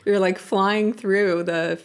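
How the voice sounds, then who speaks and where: A woman's voice: mid-range voice, steady tone, takes it slowly. A woman co-hosting a casual book podcast, chatting and laughing along with her friend. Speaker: podcast co-host. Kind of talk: casual chat.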